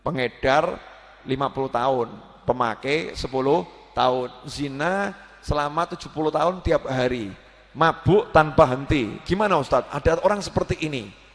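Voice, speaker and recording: Animated high-voiced preacher in a reverberant hall. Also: male voice, moderate pace. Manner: animated, acts out prayers and voices, joking asides. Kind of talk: religious lecture.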